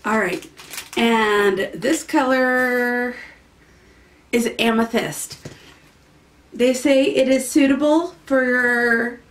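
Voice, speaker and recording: A woman's voice: on the high side, fairly even intonation, extremely slow, long pauses. A woman beauty vlogger casually chatting through a makeup unboxing, rambling and easily delighted, sometimes in a sing-song voice.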